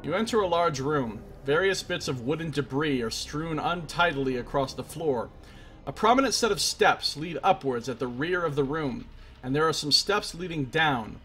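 Higher-voiced man streaming a fantasy game. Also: lively intonation, normal speed, a bit bright. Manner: theatrical storybook-style reading. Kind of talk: let's play, reading game text aloud dramatically with casual reactions. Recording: faint background noise.

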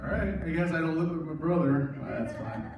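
A man's voice: on the high side, fast talker. A young man in casual, joking banter with friends, playful and teasing, trying out silly voices in a workshop room. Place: indoor workshop room with other people. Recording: echoey room, far from the mic, background noise.

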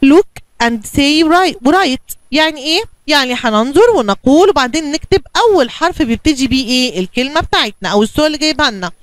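In a bilingual lesson for young kids, a kindergarten teacher with an Egyptian Arabic accent encourages them along and supplies answers to her own questions. Her voice sits high, expressive and fast, with no room sound.

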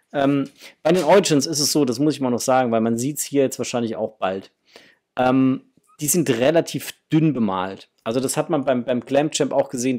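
In a small hobby room indoors, the middle-aged host of a toy unboxing channel talks with a husky, mid-range voice of darkish tone. He chats casually and excitedly to his audience, full of exclamations, occasionally muttering to himself as he handles things.

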